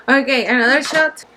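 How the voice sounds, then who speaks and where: Giggly drunk high-voiced woman with Spanish accent. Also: pushed and bright, a little hiss or hum, low-quality recording. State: tipsy from shots. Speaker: makeup tutorial host. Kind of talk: casual tipsy makeup tutorial.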